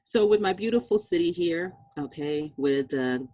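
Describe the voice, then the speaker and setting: A woman's voice: fairly low pitch, expressive, normal speed, dark tone, no room sound. Woman doctor in her fifties, lecturing conversationally, dry close sound. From Boston, USA. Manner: conversational, checks in with "all right?" and "okay?". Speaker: physician giving a talk. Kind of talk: presentation lecture.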